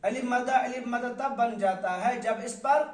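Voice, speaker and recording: High-voiced man teaching in an echoey room. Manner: questioning, drawn-out recitation of letters. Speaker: Quran reading teacher. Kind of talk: classroom lesson. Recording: echoey room, mic far off.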